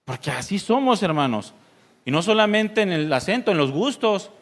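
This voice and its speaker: Mexican pastor preaching, fairly high voice. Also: male voice, big pitch swings, moderate pace. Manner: conversational preaching with questions to the congregation; mimics voices playfully. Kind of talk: sermon.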